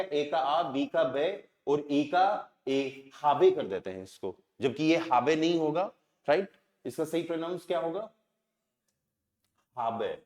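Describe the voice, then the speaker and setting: A man's voice: fairly high pitch, a little mellow, echoey room. A man with an Indian accent teaching a language class. He keeps asking the students questions and answering them himself. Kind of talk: classroom lesson.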